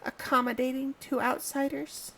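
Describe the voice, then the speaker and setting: A man voicing a gentle young woman, a settler's daughter, reading her game lines softly and apologetically. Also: very high voice, little pitch movement, normal speed, creaky, slight background noise, voice pushed up, full character voice, rough recording. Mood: polite. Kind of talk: reading game dialogue aloud. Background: game music.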